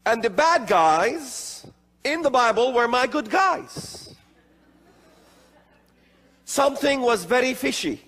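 High-voiced man lecturing in a hall. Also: sing-song, a bit bright. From Middle East. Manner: slow emphatic delivery with gestures. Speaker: conference speaker. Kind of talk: prophecy conference lecture. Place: large hall with seated audience. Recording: long hall reverb.

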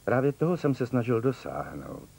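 A man dubbing a stern older man who gives cryptic warnings, with a husky voice. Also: mid-range voice, sing-song, a little mellow. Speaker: dubbing actor. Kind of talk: dubbed telenovela acting.

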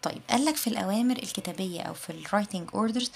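An Egyptian woman explains English grammar in a slightly gravelly, mid-pitched voice. She speaks with the patience of a classroom teacher and slows down to repeat each example sentence. A faint hiss of background noise sits under her voice. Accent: Egyptian Arabic.

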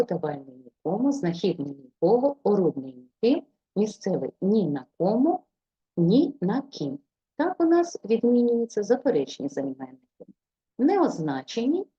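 A woman teacher with a deep, breathy, husky voice methodically walks through grammatical forms in an online lecture. Her pitch rises and falls in a lively way as she stresses each form, and her tone is mellow. The audio is dull and lo-fi. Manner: methodical, reciting case forms one by one. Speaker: Ukrainian language teacher. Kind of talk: online exam-prep lecture.

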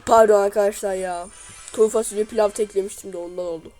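A woman giving live commentary over her own gameplay, excitably cheering and scolding the units on screen. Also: medium pitch, fast, soft background music, rough recording. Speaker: gamer.

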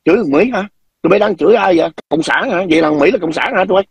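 A man lectures his livestream viewers in a raspy, strained voice that sits high in his range. He scolds in a combative, repetitive way and keeps demanding whether they understand. The recording is dry and close, with no room sound. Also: very fast, no room sound. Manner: frequent throat clearing. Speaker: livestream host. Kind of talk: ranting livestream commentary.

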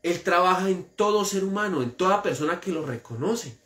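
A man preaching a sermon with a Colombian accent, animated and mocking as he mimics would-be prophets. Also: sits high, brisk. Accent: Colombian Spanish. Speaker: pastor. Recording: echoey church room.

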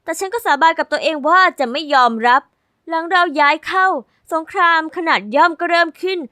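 A woman narrating a first-person animated diary story in a lively, sassy way. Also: very high voice, a little fast, no echo, clean studio sound.

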